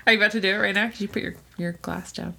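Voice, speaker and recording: A woman hosting a casual podcast with a bright, sharp-edged voice. She is jokey and quick to laugh as she chats. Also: medium pitch, steady tone, creaky. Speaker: podcast host. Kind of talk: casual chat.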